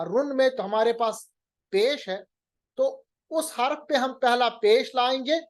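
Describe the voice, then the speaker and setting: A male teacher giving a recorded lesson on Quran recitation rules, patiently repeating each point and sounding out the examples. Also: extremely high pitch.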